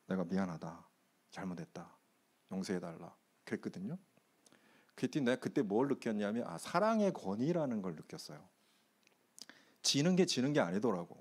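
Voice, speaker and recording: A man's voice: medium pitch, darkish tone. A middle-aged man, a pastor, candidly telling a self-mocking personal story during a youth retreat Q&A.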